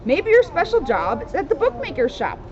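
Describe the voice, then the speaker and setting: A woman reads a children's storybook aloud outdoors on a town street, adding casual asides along the way. Her high voice moves fairly quickly with huge swings in pitch, and the dull recording is filled with loud street noise.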